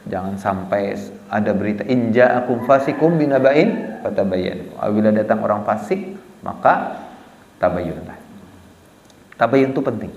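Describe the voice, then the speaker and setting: This lo-fi recording, with a little hiss or hum, catches a man speaking in a low, creaky voice at moderate speed. He has a Banjar Malay accent and gives a relaxed, story-driven sermon in a small prayer hall whose echo rings with long reverb, animatedly acting out quotes and putting questions to the audience.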